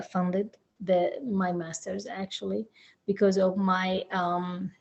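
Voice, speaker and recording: A woman from Sudan, a district's new DEI director, introducing herself at a town hall in a halting way, with many fillers and restarts. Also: on the low side, a little mellow.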